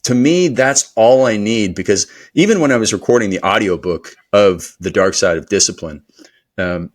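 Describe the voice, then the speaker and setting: A man who is a performance coach, talking as a podcast guest in an energetic, rambling motivational style with many fillers. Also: lowish voice. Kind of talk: podcast interview conversation.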